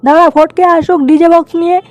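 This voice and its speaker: A man with a West Bengal accent voicing a hot-tempered, foul-mouthed picnic ringleader in a comic cartoon, scolding and blustering through a pitched-up effect. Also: flat delivery, quick pace, no echo. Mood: furious.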